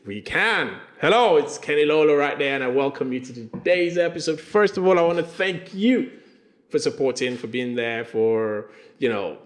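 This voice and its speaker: A man hosting an interview show, opening with playful, animated hype and bouncy repetition. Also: on the high side, normal speed. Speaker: podcast host. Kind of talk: energetic interview banter.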